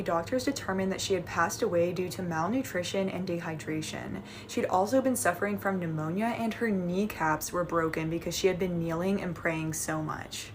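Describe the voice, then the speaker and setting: A woman with a fairly low voice narrates a scripted true story in a conversational way. There is clear background noise behind her speech.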